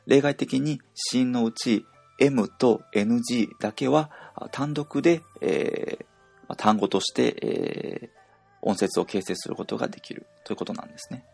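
A man teaching a pronunciation lesson, explaining slowly with many hesitation fillers. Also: medium pitch, creaky, darkish tone, husky, soft background music. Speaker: language teacher.

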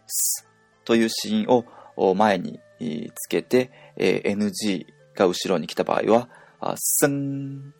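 A man teaching a pronunciation lesson, explaining slowly with many hesitation fillers. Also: on the low side, creaky, darkish tone, breathy edge. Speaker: language teacher.

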